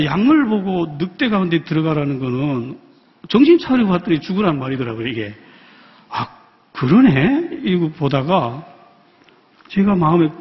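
Man telling a halting sermon testimony. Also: a little high. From North Korea. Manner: halting, reflective storytelling with frequent pauses and fillers. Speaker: missionary preacher. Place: large church sanctuary. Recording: dull, reverberant church hall sound.

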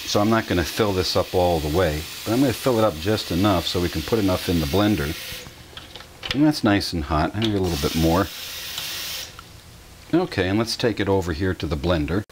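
Over a noisy background, a middle-aged man with a low-pitched, fairly quick voice hosts a casual kitchen demonstration for his channel. He explains each step in a folksy manner with fillers, recorded in a home kitchen on a camera microphone.

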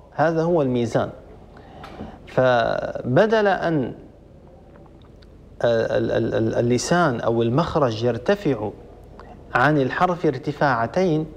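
A man teaching Quran recitation rules, slowly repeating examples and restarting often. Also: medium pitch, a little hiss or hum. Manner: slow repetition of examples, many restarts. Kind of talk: explaining tajweed rules. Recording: dull lo-fi recording.

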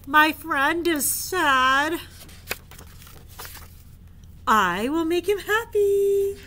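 A woman's voice: extremely high pitch, expressive, extremely slow, pushed and bright, a little hiss or hum, voice pushed up, exaggerated voice. A woman voicing an eager, cheerful little female pig in a storybook read-aloud.

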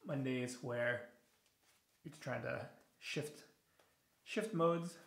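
Man, 30s, easygoing shave-video host, tired and rambling, middle pitch, bouncy bathroom echo. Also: very slow, vocal fry. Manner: relaxed, rambling, frequent fillers and restarts. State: a little tired in the evening. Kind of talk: casual product review while shaving. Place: small home bathroom. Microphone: camera on the counter at close range. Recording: echoey bathroom.

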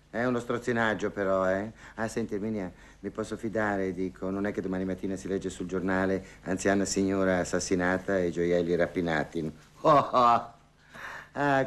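A man's voice: low voice, close to an everyday voice. An actor playing a lonely older woman who gossips and haggles on the phone in a theatrical monologue, sighing and wryly complaining. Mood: reflective. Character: lonely, wry older woman hiring a dance partner.

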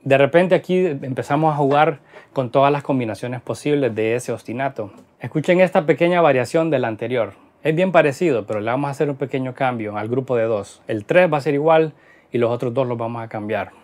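In this instructional lesson, a man teaches guitar in Spanish, explaining rhythm patterns and counting beats aloud while he plays. His voice is medium-pitched, brisk and darkish in tone, and guitar playing is heard in the background.

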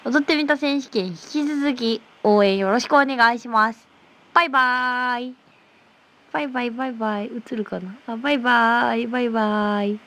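A woman's voice: fairly high pitch, a little fast, fairly bright tone. A woman hosting a casual livestream from her phone, reading viewer comments aloud and answering with playful, teasing replies. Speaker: livestream host.

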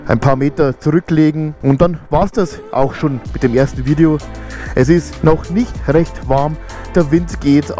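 A man with a Bavarian accent chatting casually while riding his motorcycle on mountain roads, swearing now and then and talking through a helmet mic. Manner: chatty, swears casually, rises in pitch when excited. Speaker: motovlogger.

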